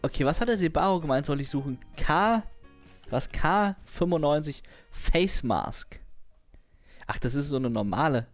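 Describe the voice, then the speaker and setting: A man's voice: fairly high pitch, animated, moderate pace, faint music behind. A young man chatting casually on a livestream, rambling in slangy, crude language and laughing often.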